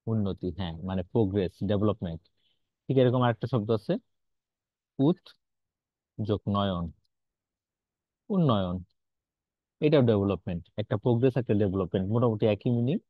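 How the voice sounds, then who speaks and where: A man's voice: lowish voice, expressive, moderate pace, pauses often, dry recording. A man teaching grammar in an online class, explaining patiently and quizzing his students as he goes. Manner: explains patiently, asks students questions, mixes in English words. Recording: dull lo-fi online class audio.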